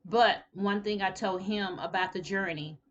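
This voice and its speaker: A woman's voice: medium pitch, a little slow, dull audio, slight background noise. A woman in her fifties talking casually to camera, telling a personal story in an earnest, reflective way. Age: 50s. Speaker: tax preparer sharing life advice.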